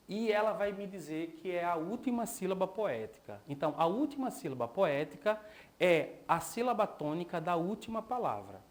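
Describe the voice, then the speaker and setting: A man teaching a televised school lesson, explaining slowly and asking his class rhetorical questions, with a Brazilian Portuguese accent. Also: fairly high pitch.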